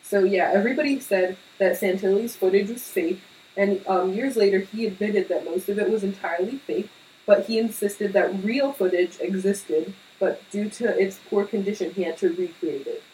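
A woman's voice: mid-range voice, moderate pace, dark tone. A young woman co-hosting a podcast, chatting casually with lots of fillers and tangents. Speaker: podcast co-host. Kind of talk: casual chat. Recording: slightly distant mic with faint hiss.

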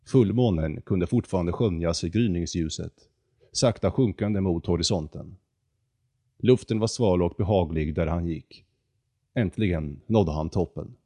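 A man narrating a storybook in a calm, measured reading voice. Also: low voice, no echo.

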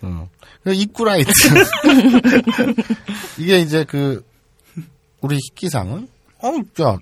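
A man hosts a loose, joking talk show conversation in a husky voice. His delivery swings freely up and down from a slightly high register, and the sound is close and dry. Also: wildly swooping pitch, extremely slow, no echo. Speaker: podcast host. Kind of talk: casual talk show chat.

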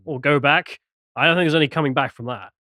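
Fast-talking man co-hosting a podcast. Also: fairly high pitch, bright, forceful tone, no echo, clean studio sound. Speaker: podcast co-host. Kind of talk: casual banter on a live stream.

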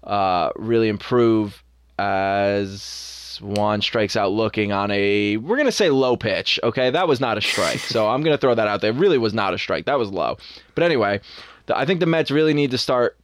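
A young man co-hosting a podcast in a casual sports chat, opinionated and animated. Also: on the low side. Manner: opinionated, animated, quick asides. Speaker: podcast co-host.

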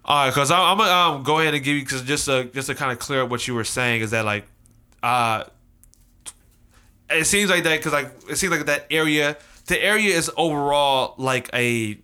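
An American man hosting a casual discussion in a halting way, often repeating words as he goes. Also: on the high side, bright, forceful tone, clear, resonant tone. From United States. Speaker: host.

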